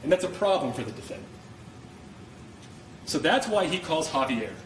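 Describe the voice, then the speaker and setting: A male prosecutor with a fairly high voice argues his closing to a jury. He is passionate and insistent, hammering points through repetition. The sound is roomy, picked up at some distance from the microphone. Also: very animated, moderate pace, fairly bright tone. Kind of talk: courtroom closing argument to a jury. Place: indoor courtroom. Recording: roomy courtroom, distant mic, faint noise.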